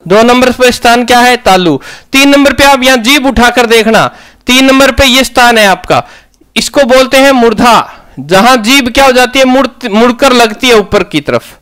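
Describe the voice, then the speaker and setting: A man's voice: very high voice, normal speed, fairly bright tone, smooth. A man teaching a grammar lesson, asking questions and answering them himself.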